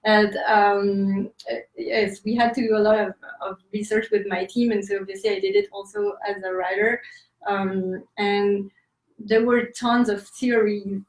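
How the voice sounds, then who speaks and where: Speaking a little slowly in a level, mid-range voice, a French-accented author responds to an interviewer's questions with hesitation, many fillers and laughing asides. She's off-mic and distant, with a roomy echo around her.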